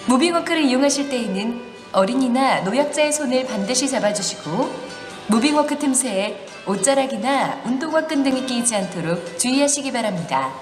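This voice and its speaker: A woman reading a polite, formal safety announcement over a store intercom loudspeaker. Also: fairly high pitch, animated, brisk. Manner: polite, formal, evenly read. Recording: echoey hall with music underneath.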